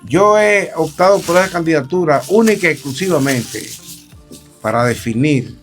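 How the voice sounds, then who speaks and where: A man's voice: a little high, moderate pace, faint music behind. An older man with a Dominican accent, a politician guest animatedly retelling events and acting out the dialogue. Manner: animated, acts out quoted dialogue. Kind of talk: storytelling interview.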